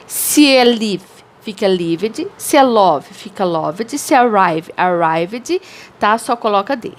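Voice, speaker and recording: A woman English teacher whose first language is Portuguese, giving a recorded grammar lesson and explaining slowly with repeated examples. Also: mid-range voice, expressive.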